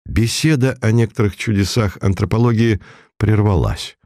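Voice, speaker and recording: A man reading a period detective story aloud as an audiobook narrator, in an even, measured storytelling manner. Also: lowish voice, no echo, studio quality.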